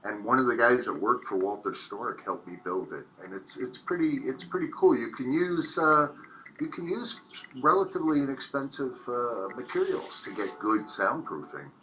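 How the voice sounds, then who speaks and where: A man's voice: mid-range voice, normal speed, a bit bright, muffled recording, slight background noise. A man who does voiceover work, chatting and joking on a podcast in a rambling, casual way. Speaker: voice actor, co-host.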